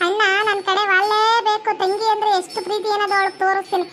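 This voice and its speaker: A woman's voice: extremely high pitch, little pitch movement, rapid-fire, a bit bright, faint music behind. Woman voicing a sly scheming sister-in-law. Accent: North Karnataka Kannada. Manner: sly, threatening.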